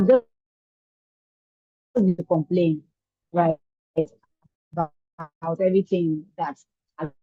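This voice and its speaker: A woman comes through as a webinar panelist on a choppy online call whose audio keeps breaking up. Her voice is husky and sits a little low, squeezed into a tinny, phone-like band with a dry, close sound. She talks haltingly, with plenty of ums and restarts. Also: no echo. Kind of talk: unscripted webinar answer. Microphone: remote computer or phone call.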